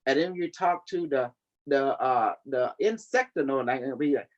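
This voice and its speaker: Leading a group call as a spiritual teacher, a Cambodian-accented man talks casually at normal speed and medium pitch. The audio is dull, and his non-native English tends to leave out verbs and endings.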